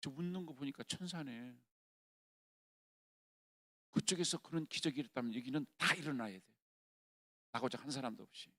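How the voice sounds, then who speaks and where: A man preaching a revival sermon as a pastor. He swings from hushed storytelling to shouted exhortation. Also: medium pitch, moderate pace, pauses often. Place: prayer retreat hall.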